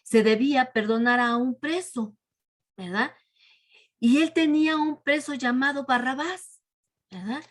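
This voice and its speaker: A woman teaching a children's Bible lesson, retelling the story and ending almost every phrase with a soft, falling question tag, with frequent restarts. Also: sits high, measured pace, long pauses.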